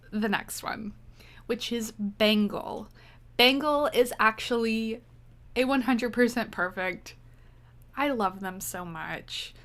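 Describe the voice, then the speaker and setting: Woman, casual gaming vlogger; chatty, slightly higher voice, unhurried delivery, sarcastic edge. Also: sharp tone. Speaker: gaming video creator. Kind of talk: casual tier-ranking vlog.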